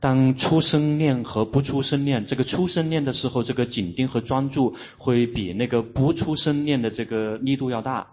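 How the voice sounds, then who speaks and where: Very slow male interpreter, hesitant delivery. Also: mid-range voice, darkish tone. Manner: hesitant, with fillers and restarts. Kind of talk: consecutive interpreting of a dharma talk. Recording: dull lo-fi recording.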